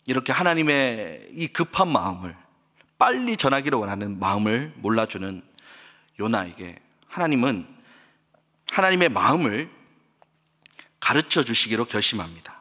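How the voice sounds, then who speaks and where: A man's voice: mid-range voice, big pitch swings, moderate pace, pauses often, sharp tone. A man, a pastor, delivering an impassioned sermon that rises and falls, recorded in a church sanctuary. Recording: long church reverb.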